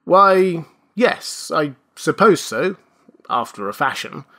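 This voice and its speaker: A man voicing a harsh older family doctor in a storybook, sharp, cutting and indignant. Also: mid-range voice, wildly swooping pitch, normal speed, gravelly, slightly rough, heavily acted. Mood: irritated.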